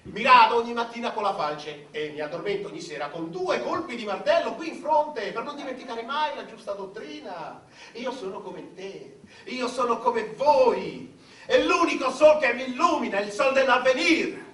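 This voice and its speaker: A man's voice: very high-pitched, animated, moderate pace. An actor playing a petulant, lustful, pompous king, declaiming in absurdist stage comedy. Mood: pompous fervour. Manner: pompous declamation, swinging into shouts. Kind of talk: absurdist comic stage theatre. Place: theatre stage with audience. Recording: echoey theatre, distant microphone.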